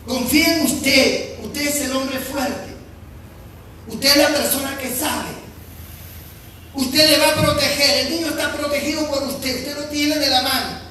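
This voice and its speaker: A Peruvian man preaching a sermon, emphatic and repetitive, swinging from shouts to soft speech. His voice is high and bright. He is heard from far off in a very echoey church hall with faint ambience. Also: fairly even intonation, unhurried, a little hiss or hum. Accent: Peruvian Spanish. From Peru. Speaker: pastor.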